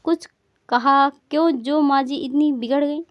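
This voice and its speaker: Woman doing a worried but calm young son, soothing, dry sound. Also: high voice, a little slow, no echo, highs cut off.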